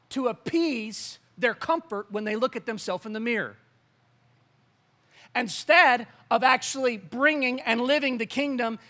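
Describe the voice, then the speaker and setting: Male preacher, high bright voice, animated storyteller, restarts often. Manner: animated, rambling with repeated restarts. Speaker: pastor. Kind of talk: sermon with storytelling.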